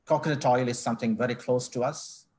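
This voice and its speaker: A middle-aged man from Kerala, a company managing director speaking as a guest in an online panel interview, measured and formal with frequent restarts. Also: mid-range voice, fairly even intonation, darkish tone. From India, Kerala. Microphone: video call.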